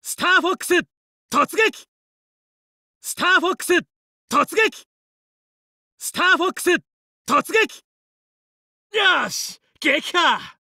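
A man's voice: very high voice, expressive, slow, pauses often, pushed and bright, dry recording, clean studio sound, exaggerated voice. A male actor playing a confident, heroic young fox who leads a team of space pilots in a video game, with cool, resolute, clipped delivery. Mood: rallying battle cry. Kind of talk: Japanese video game battle voice lines.

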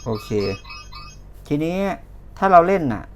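A man's voice: a little slow, faint music behind. A Thai-accented man talking casually as he demos and reviews a toy, pointing things out as he goes. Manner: chatty, hands-on, pointing things out.

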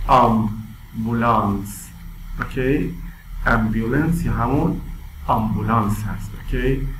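A man teaching a vocabulary lesson, punching out each word with sharp stress and repeating it for the class. His voice sits in a mid pitch and rings in a roomy space, with faint noise underneath. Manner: drawn-out, stressed word pronunciation with rising emphasis; repeats and quizzes with frequent "okay?". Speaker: English teacher.

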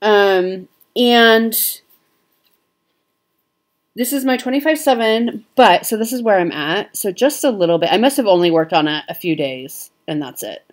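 This woman, a cross-stitch vlogger with a Midwestern American accent, chats casually in a show-and-tell style, dropping frequent ums. Her medium-pitched voice is expressive and moves at a measured pace.

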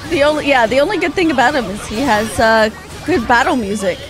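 Playful, higher-voiced young woman streaming games. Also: expressive, brisk, crowd noise. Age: young adult. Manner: playful, sarcastic. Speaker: gaming streamer. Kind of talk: casual playthrough commentary. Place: small room indoors with shelves. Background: game music.

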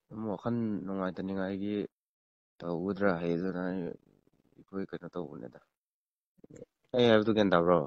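A man's voice: low voice, very fast, vocal fry, long pauses, no room sound. A man on a phone call giving short, emphatic replies, heard through the phone. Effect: heard over a phone call. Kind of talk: casual phone conversation. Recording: muffled, dry phone call recording.

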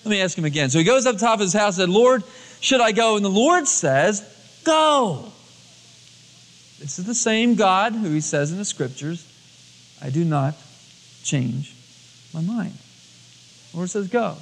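A man with a high, expressive, slightly bright voice preaches a storytelling sermon at a measured pace, pausing often. As the pastor, he acts out dialogue in colloquial everyday language, captured on a cassette tape transfer with long hall reverb.

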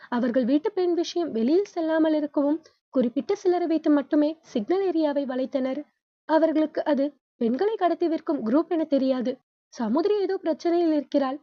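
High-voiced woman narrating a novel. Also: no room sound. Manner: steady storytelling reading. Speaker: audiobook narrator. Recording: dull lo-fi dry recording.

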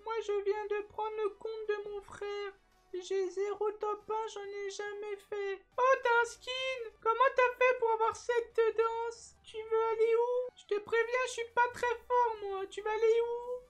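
A man's voice: very high-pitched, measured pace, faint music behind. A man putting on the voice of a small boy who whines, begs and squeals in an online game chat, as a prank. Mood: timid. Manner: childish, whining, excited squeals. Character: little boy gamer, whiny, crybaby.

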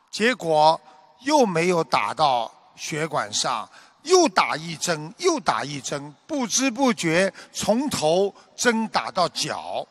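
A man giving a Buddhist dharma talk as a teacher, with a measured preaching delivery that turns animated while he tells a joke. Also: sits high, no echo, studio quality.

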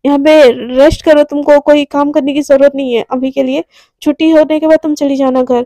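A woman's voice: sits high, level tone, brisk, warm tone, dry recording, lightly acted. A woman voicing a caring but bossy young woman who scolds insistently with a raised voice. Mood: scolding.

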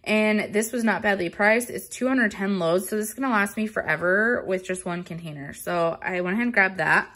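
A woman's voice: mid-range voice, brisk, few pauses, fairly bright tone. A young woman chatting casually through a grocery haul, rambling with many fillers, filmed at home on a phone. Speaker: vlogger. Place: home kitchen counter.

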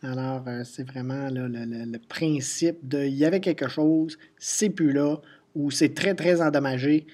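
A man's voice: medium pitch, measured pace, darkish tone. A middle-aged man with a Quebec French accent, teaching a recorded class lesson, explaining patiently with repetition and casual asides. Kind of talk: recorded class lesson walking through slides.

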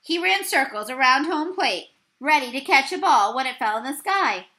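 A young woman with a high-pitched voice reads a picture book aloud at a moderate pace, animated like a teacher and exclaiming the dialogue. She's recorded on a computer mic in a small indoor room.

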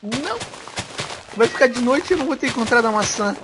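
A young man with a Brazilian accent commentating a game he is playing, animated and quick to squeal and laugh. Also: very high voice, background noise. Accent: Brazilian Portuguese. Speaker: gaming video host.

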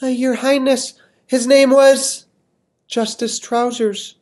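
A man voicing a frightened middle-aged woman prisoner, pleading desperately in a high, strained falsetto. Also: level tone, slow pace, a little mellow.

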